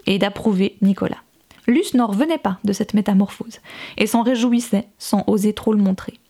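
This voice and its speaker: A woman with a mid-range, dark voice and a breathy edge narrates a novel as an audiobook at a moderate pace. Reading from the script, she gives each character's dialogue a light shift in her voice.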